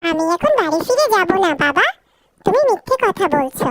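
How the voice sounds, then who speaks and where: A woman's voice: extremely high pitch, sing-song, a little fast, a bit bright, no echo, full character voice. A woman voicing a naughty young boy in a cartoon who is cheeky and fond of chips, whining and pleading. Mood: sulky. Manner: pleading and whiny. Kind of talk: cartoon voice acting.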